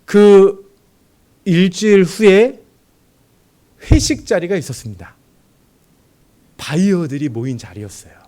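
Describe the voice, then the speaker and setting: A man's voice: high voice, a little slow, long pauses. A young man, a junior pastor, preaching in a church and telling his own story, acting out the dialogue as he goes. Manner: animated storyteller who acts out dialogue. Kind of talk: sermon with personal testimony.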